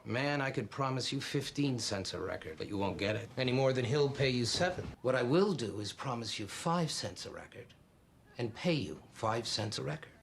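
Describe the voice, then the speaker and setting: An actor playing a calm, persuasive male record label executive in a film clip. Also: medium pitch, normal speed, creaky, slight background noise.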